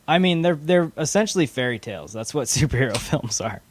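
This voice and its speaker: A man's voice: medium pitch, lively intonation, a little fast. A man co-hosting a movie podcast in casual chat, agreeable and laughing mid-sentence. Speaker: podcast co-host. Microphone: studio microphone.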